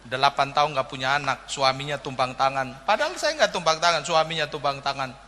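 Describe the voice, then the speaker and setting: A man's voice: medium pitch, expressive, a little fast, sharp tone. A pastor preaching a sermon, telling humorous stories and speaking directly to his congregation. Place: church sanctuary. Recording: reverberant hall with faint noise.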